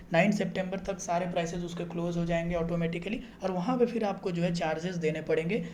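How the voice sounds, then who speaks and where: In a laid-back screen-recorded video, a channel host explains a trading app, chatting along and regularly checking in to make sure the viewer keeps up. He has a high voice with a darkish tone, recorded in an echoey room with a little hiss or hum.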